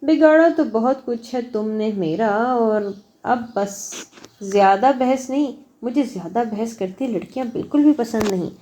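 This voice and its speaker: A woman's voice: a little high, dark tone, slight background noise, close to an everyday voice. A woman voicing a scheming older man who gives curt orders. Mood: commanding, cold. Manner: curt, commanding. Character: scheming older man, a commanding, predatory father.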